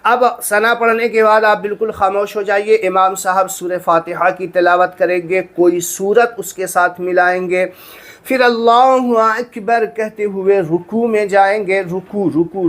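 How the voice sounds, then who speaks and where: A man teaches as a religious instructor. He talks earnestly, repeating each point and asking whether his listeners have understood. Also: high voice. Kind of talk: instructional talk on prayer.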